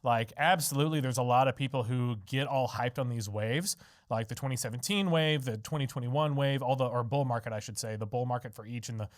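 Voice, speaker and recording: A man's voice: medium pitch, fairly quick, no echo, clean studio sound. Easygoing male podcast host. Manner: rambling, frequent "mm-hmm" backchannel. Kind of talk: casual interview chat.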